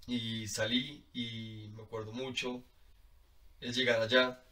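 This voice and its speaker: Colombian male guest, mid-pitched, chatty and animated, laughs a lot, slightly distant mic. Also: slow pace. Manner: animated, laughs often, fills with "como". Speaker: podcast guest. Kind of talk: casual storytelling.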